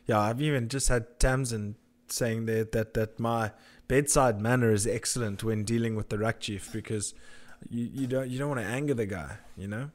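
A man's voice: mid-range voice, steady tone, normal speed. A man hosting a casual interview. He is chatty and jokey, restarting his sentences and laughing nervously. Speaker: interviewer host.

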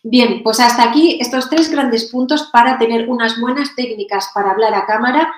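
A woman from giving energetic, direct on-camera advice as a presentation coach. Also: fairly high pitch, moderate pace, a little hiss or hum. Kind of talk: on-camera tutorial. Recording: roomy echoey room.

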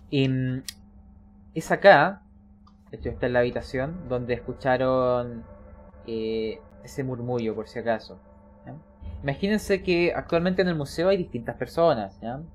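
A man's voice: medium pitch, a little hiss or hum. A man narrating a tabletop game as game master, explaining scenes and often checking in with his players. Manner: explanatory, frequent checking questions.

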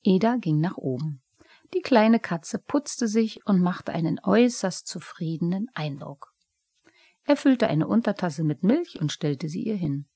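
A woman narrating a children's storybook with a lively, expressive melody. Her voice is slightly husky. The sound is close and dry. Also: on the low side, measured pace, dry recording.

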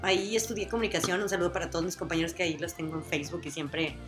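A woman's voice: on the low side, rapid-fire, music in the background. A woman in her forties with a northern Mexican accent, co-hosting a casual chat, playful and teasing. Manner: playful, teasing, laughs often. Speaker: podcast co-host.

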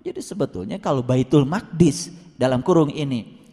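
A man preaching a sermon, swinging up to high emphatic peaks and chanting scripture verses slowly. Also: lively intonation, warm tone, breathy edge. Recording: long hall reverb.

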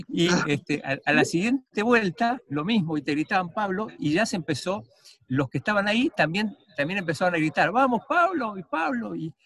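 A man's voice: high-pitched, animated, moderate pace, fairly bright tone. Guy interviewer, chatty, lots of ums and restarts, telling a funny story. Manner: chatty, many fillers and restarts.

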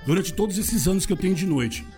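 A man with a high, lively voice talks on a podcast. He is a DJ telling loose stories, laughing and swearing, while faint music plays behind him. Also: quick pace. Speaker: DJ guest. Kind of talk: casual podcast chat.

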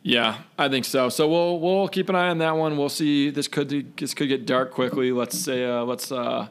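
A man co-hosting a fight podcast, talking in a relaxed, rambling way with lots of fillers. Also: medium pitch, normal speed, clean tone. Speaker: podcast co-host. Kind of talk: casual chat.

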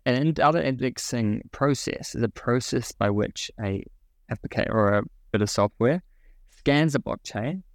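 In this podcast interview, a young guest with a New Zealand accent walks through a product, often saying um and starting over. His voice sits at medium pitch, captured in a dry recording.

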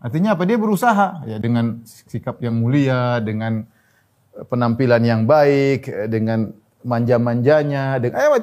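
An Islamic preacher delivers a sermon, telling jokes and laughing as he goes. He drawls Arabic phrases slowly and pushes his voice high and loud when urging his listeners.

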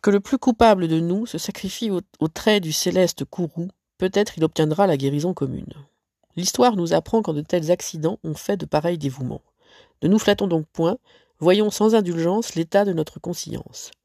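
A self-serving lion king speaks in solemn, stately verse, as a teacher reads the fable aloud. The voice is mid-pitched with a gravelly edge. It is dry and close. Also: normal speed, darkish tone, no echo, natural voice.

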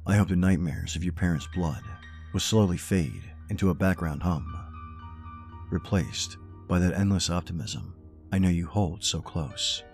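Man playing a deep-voiced, protective monster under the bed. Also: a little mellow. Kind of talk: scripted horror letter monologue.

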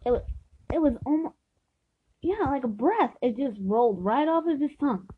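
A woman with a high, expressive voice recounts a personal story from her own life at a normal pace. She speaks earnestly and emphatically, repeating herself for stress, on a dull lo-fi recording.

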